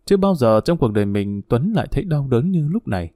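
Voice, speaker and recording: A man narrating a story in an audiobook, steady and even. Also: mid-range voice, fast talker, dry recording, studio quality.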